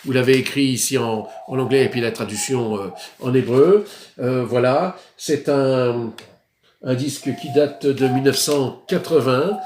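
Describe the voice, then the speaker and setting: A man's voice: mid-range voice, a little mellow, a little hiss or hum. Hesitant French-speaking man in echoey room. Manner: hesitant, many fillers, unhurried. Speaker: record collector vlogger. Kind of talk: casual show-and-tell of purchases.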